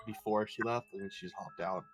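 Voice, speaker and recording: A man's voice: fairly low pitch, steady tone, fast, faint music behind. Casting: losse, wat rommelige speler, man, zachte muziek eronder. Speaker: player. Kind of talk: narrating his character in a tabletop game.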